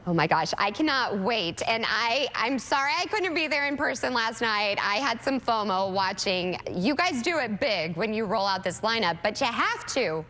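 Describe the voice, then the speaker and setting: A woman's voice: on the high side, lively intonation, normal speed, few pauses, bright, forceful tone, in a large hall. A woman hosting a morning TV show, bubbly and playful in casual studio chat. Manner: bubbly, playful, calls people girl.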